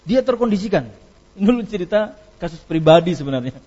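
Guy preaching casually, husky and kinda high, tells stories and laughs, quotes arabic, muffled lo-fi sound. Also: animated, fairly quick, dark tone. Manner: anecdotal, laughing, slips into Arabic quotations. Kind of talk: informal religious lecture.

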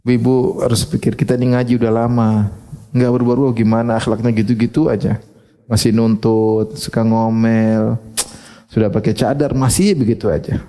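A man preaching, his sermon playful and lively as he acts out little exchanges. His voice sits at a middle pitch with a warm, mellow color. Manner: humorous, animated preaching with acted-out quotes. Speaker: Islamic preacher.

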